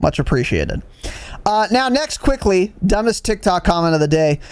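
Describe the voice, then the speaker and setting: A man's voice: high voice, animated, normal speed, clear, resonant tone, no room sound. A young man co-hosting a podcast, talking in a casual, profane, mock-exasperated way. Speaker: podcast co-host.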